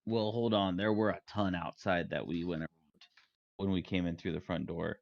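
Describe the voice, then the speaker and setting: A man's voice: deep voice, steady tone, moderate pace, gravelly, no echo, dull audio. A man playing a tabletop game, talking in an easygoing, joking way. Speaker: player. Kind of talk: casual tabletop game chat.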